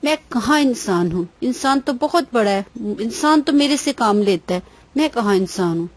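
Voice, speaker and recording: A woman voicing a gentle female farm cow in a children's story, mild and amused. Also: a little high, lively intonation, dry recording.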